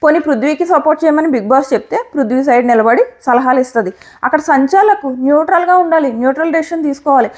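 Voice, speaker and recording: Woman reviewer with a high, animated voice, recapping with strong opinions. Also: fast talker. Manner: animated, opinionated retelling with quoted lines. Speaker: reality show reviewer. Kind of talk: casual commentary.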